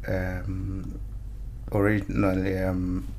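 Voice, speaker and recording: A man from Zimbabwe, a guest artist in a podcast interview, explaining things in a measured, halting way. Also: sits low, completely flat delivery, a little mellow, slight background noise.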